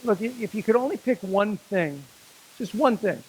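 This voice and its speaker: A man giving a motivational speech and telling a story to a business audience, slowing down for emphasis. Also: high voice, animated, darkish tone, a little hiss or hum, rough recording. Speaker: speaker at a business networking event. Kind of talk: motivational speech with a told joke.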